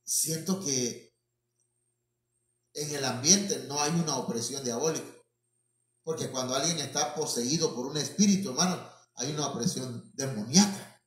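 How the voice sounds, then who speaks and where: A man's voice: mid-range voice, normal speed, pauses often. A man, preaching a storytelling sermon as pastor and calling his listeners brothers, with many fillers. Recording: echoey church from far off.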